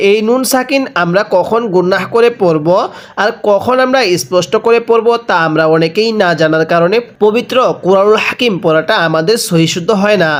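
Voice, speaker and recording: A man with a high, light voice and a Bangladeshi Bengali accent leads a Quran reading lesson one rule at a time. He spells out each letter and its vowel marks, asks the listener how to read the word, then chants it slowly and drawn out. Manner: asks rhetorical questions before each reading. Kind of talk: step-by-step Quran recitation lesson.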